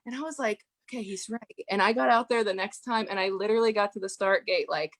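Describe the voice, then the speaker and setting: Woman, podcast guest, chatty storyteller, mid-pitched voice, filler-heavy. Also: fast, fairly bright tone. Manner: chatty storyteller, frequent "you know" fillers. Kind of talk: casual podcast interview.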